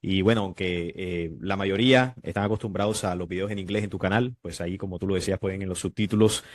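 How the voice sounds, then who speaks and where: A man from Colombia, a guest calmly explaining in an interview. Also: sits low, fast, no echo, studio quality. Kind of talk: casual interview chat.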